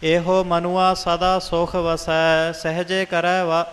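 A man chanting scripture aloud in a slow, steady sing-song recitation. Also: high voice. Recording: reverberant hall with faint music.

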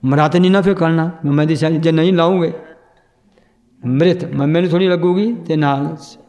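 Male scripture teacher, slightly high voice, patient, drills pronunciation and chants verses. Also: fairly even intonation, a little fast, a little mellow.

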